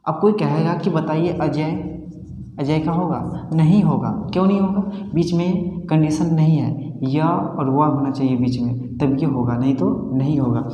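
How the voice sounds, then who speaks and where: A man's voice: on the high side, unhurried, dark tone, muffled recording. A man with a Bhojpuri-tinged Hindi accent teaching a Sanskrit grammar lesson, asking questions and answering them himself, repeating key syllables as drills. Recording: roomy echo with long reverb, faint music.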